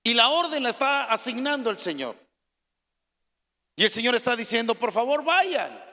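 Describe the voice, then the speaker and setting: A man preaching a sermon as pastor, swinging from soft, hushed pleading to loud, shouted calls to the congregation. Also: very high voice, sing-song, moderate pace, in a large hall.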